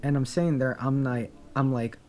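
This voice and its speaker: A man's voice: medium pitch, fairly even intonation, moderate pace, darkish tone. Young man, personal vlog storytelling, reflective, light music bed behind. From Philippines. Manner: candid, reflective, many fillers and restarts. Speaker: vlogger.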